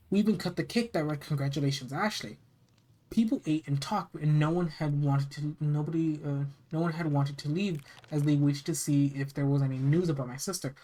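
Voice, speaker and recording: A storyteller from the United States reading a first-person horror story aloud in a halting way, often stumbling and repeating phrases. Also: medium pitch, dark tone, poor audio. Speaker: narrator reading scary stories.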